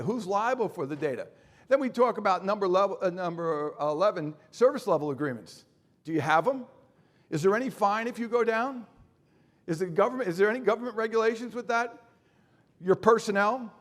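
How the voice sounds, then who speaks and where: High-pitched man giving a folksy conference talk. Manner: animated, folksy asides and rhetorical questions. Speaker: conference speaker. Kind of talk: conference presentation.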